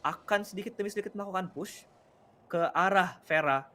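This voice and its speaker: High-pitched Indonesian man announcing esports. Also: a little fast, pushed and bright. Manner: dramatic phrasing, switches between Indonesian and English. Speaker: esports caster. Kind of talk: excited esports commentary, like a fighting game announcer. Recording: game gunfire and clicks behind voice. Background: gunfire and clicks from game.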